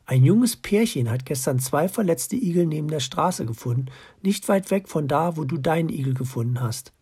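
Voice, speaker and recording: A man voicing a caring mother fox in a storybook, speaking calmly and reassuringly. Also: a little high, normal speed, slightly rough.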